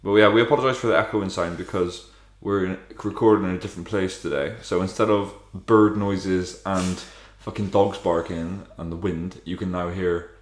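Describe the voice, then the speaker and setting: A man co-hosting a casual gaming chat, talking quickly and loosely with some swearing, recorded in a big echoey room. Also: low-pitched, fairly even intonation, slight background noise. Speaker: podcast co-host. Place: unfamiliar echoey indoor room. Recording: echoey room, roomy sound.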